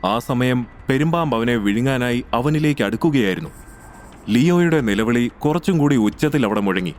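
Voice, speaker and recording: Brief: male storyteller, even and measured, mid-range voice. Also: mid-range voice, slight background noise. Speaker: narrator. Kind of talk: scripted audiobook narration.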